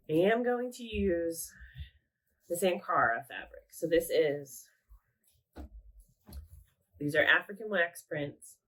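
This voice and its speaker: A sick, congested woman with a nasal voice shows off her craft projects at home in a casual show-and-tell vlog, rambling and correcting herself. Her voice is fairly low and a bit bright, and the recording quality is low.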